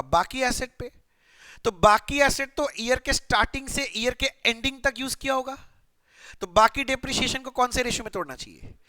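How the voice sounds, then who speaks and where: A man's voice: high voice, pushed and bright, no echo. A young man teaching accounting in a chatty, playful lecture style, often asking students questions and muttering while he writes. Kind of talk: casual classroom lecture.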